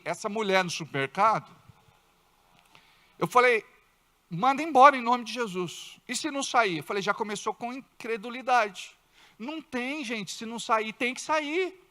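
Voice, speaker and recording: A man with a Brazilian Portuguese accent preaching a sermon in a church, acting out quoted voices with sudden loud outbursts. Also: extremely high pitch. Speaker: pastor.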